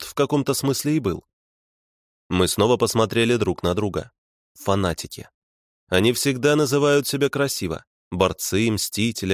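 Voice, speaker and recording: A man narrating a first-person audiobook in a measured, wry way. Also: low voice, no room sound, studio quality.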